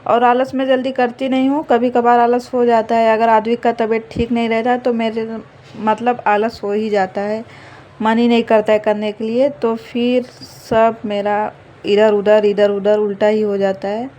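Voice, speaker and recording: A young woman talks her way through her household chores in a chatty, rambling vlog. Her voice sits fairly high and keeps a flat, even melody. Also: moderate pace. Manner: chatty, rambling, fillers of "matlab". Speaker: vlogger, mother. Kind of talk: casual home vlog narration.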